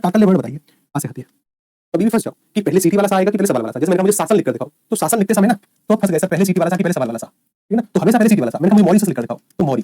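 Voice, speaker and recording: A man's voice: high-pitched, warm tone, no room sound, studio quality. A man teaching an online exam-prep lecture, repeatedly checking in with his students. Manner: rapid, repetitive checks with students.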